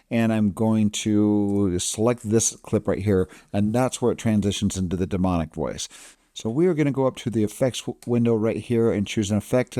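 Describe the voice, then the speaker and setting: Male editing instructor, relaxed and fairly low, casual screen-tutorial narration, close dry mic. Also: no echo.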